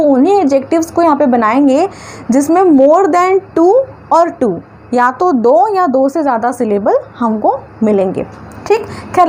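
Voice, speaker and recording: A woman with a high voice teaches a grammar lesson at an easy pace. She sounds words out slowly, syllable by syllable, and answers her own questions. A faint hum of traffic sits behind her. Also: a little mellow. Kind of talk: classroom-style grammar lesson.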